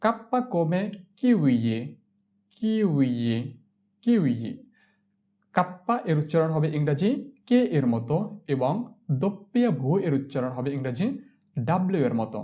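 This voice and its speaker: A woman's voice: low voice, animated, moderate pace, a little mellow. A woman teaching the Italian alphabet. She spells out each word letter by letter and repeats it three times before she gives its meaning. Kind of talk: slow spelled-out language lesson.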